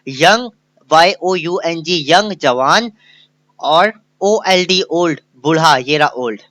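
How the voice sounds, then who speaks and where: Bright-voiced man spelling words for children. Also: fairly high pitch, animated, dry recording. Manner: spells words letter by letter, then translates; slows down sharply to model English sentences. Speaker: kindergarten teacher. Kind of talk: recorded worksheet lesson.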